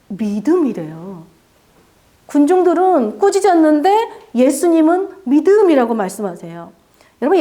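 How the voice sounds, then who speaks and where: A woman's voice: high voice, darkish tone. A woman pastor preaching a sermon in a church, asking the congregation questions and acting out quoted voices. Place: church sanctuary.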